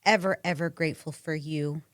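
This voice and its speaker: Low-voiced woman hosting a podcast. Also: fairly even intonation, a little fast, dry recording, studio quality. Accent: Midwestern American. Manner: warmly encouraging, with affirming murmurs. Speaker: podcast host. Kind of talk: podcast interview.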